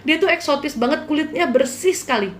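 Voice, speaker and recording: A woman's voice: high-pitched, brisk, slight background noise. A woman hosting a live stream as a spiritual healer, telling a client's story in a casual style, earnest and candid, sometimes pleading with viewers.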